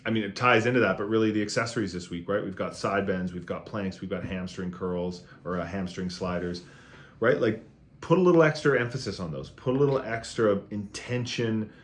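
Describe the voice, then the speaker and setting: A man's voice: on the low side, brisk. A man, a fitness coach, giving a casual weekly training review in a conversational, encouraging way, with lots of fillers.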